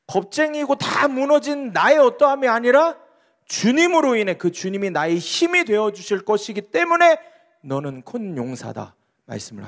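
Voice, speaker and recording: Male pastor, sermon, emphatic questioning delivery, bright voice with wide swings. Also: high-pitched, gravelly. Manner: emphatic, rhetorical questions, reads scripture dramatically. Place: church sanctuary.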